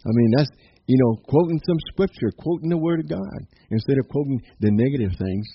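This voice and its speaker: A man's voice: medium pitch, animated, fairly quick, vocal fry, breathy edge, muffled recording. A man preaching a sermon as pastor, fervent and chuckling often, with many amens, speaking to viewers and listeners.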